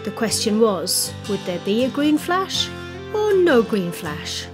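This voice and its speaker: A woman in her forties talks in a relaxed, chatty, plain-spoken way, her voice a touch high. She narrates a sailing vlog while loud music plays clearly behind her. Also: slow pace. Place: catamaran cockpit, outdoors.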